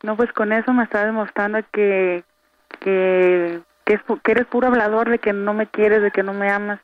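A woman's voice: medium pitch, fairly even intonation, moderate pace. A woman with a Mexican accent pleading emotionally with a partner over the phone. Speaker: caller playing a prank on a partner. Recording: radio phone call with music behind.

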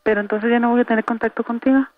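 A woman's voice: fairly high pitch, steady tone, rapid-fire. A woman with a Mexican accent pleading emotionally with a partner over the phone. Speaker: caller playing a prank on a partner. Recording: radio phone call with music behind.

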